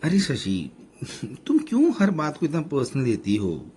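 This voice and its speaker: A man voicing a gentle middle-aged husband who patiently soothes his wife. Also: a little high, wildly swooping pitch, measured pace, breathy edge, pitched above the performer's own voice, full character voice. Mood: soothing.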